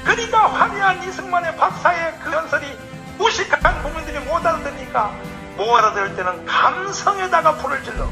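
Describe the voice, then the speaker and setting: A male pastor giving a fiery political sermon to a crowd, swinging from shouted outbursts to hushed asides. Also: extremely high pitch, expressive, fairly quick, over music.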